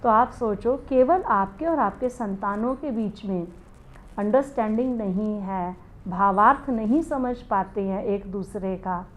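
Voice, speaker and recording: A woman's voice: mid-range voice, unhurried, poor audio. A woman giving a spiritual meditation lesson, explaining patiently and asking rhetorical questions to her listeners. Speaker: meditation teacher.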